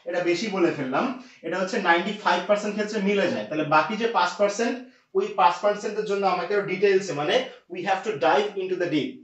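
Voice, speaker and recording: High-voiced man teaching grammar, echoey. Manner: explains step by step with frequent rhetorical questions to students. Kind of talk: online grammar lesson. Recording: echoey distant lo-fi room sound.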